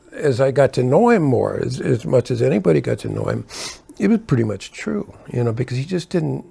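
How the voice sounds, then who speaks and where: In casual anecdotal fashion, an older man who plays keyboards recalls touring, rambling along, revising what he says, and chuckling between asides. The voice is mid-range, dark in tone, slightly rough, with vocal fry.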